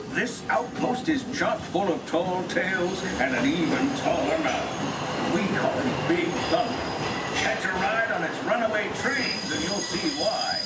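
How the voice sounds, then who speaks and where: A man voicing a cheerful, folksy old-time train conductor in theme park ride narration, heard through an outdoor loudspeaker. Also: high voice, very noisy. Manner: folksy frontier drawl, storybook cheer. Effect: recorded narration over outdoor train loudspeakers. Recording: distant loudspeaker with loud music.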